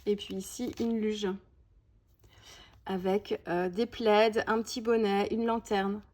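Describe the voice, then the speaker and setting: A woman's voice: mid-range voice, flat delivery, slow pace, a little mellow. Chatty woman showing crafts. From France. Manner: chatty, with many small "hop" and "voilà" asides. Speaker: scrapbooking video host. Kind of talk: casual product show-and-tell.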